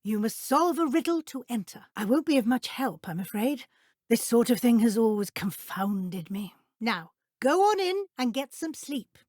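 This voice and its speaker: A brisk, kindly witch professor in middle age for a fantasy video game. Her British voice sits a little high. She speaks in precise, formal, instructive phrases, recorded very dry with no room sound. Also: very animated, darkish tone, dry recording. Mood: welcoming.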